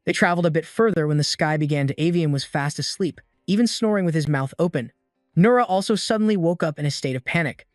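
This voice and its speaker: A man reading a scripted story recap in a steady, even storytelling manner. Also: on the high side, quick pace, no room sound. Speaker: recap narrator. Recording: dry voice-over with soft music.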